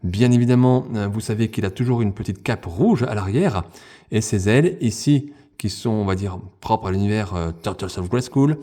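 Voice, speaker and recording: Guy doing a toy unboxing, warm low-key voice, lots of euh and pauses. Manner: hesitant, many fillers, addresses viewers as friends. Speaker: toy reviewer. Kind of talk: unboxing review, casual chat.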